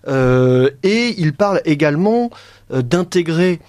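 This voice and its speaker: A man's voice: fairly high pitch, animated, a little slow, darkish tone, dry recording. A man hosting a radio discussion, talking with many fillers and restarts. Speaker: radio show host. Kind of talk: radio talk-show discussion. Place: radio studio.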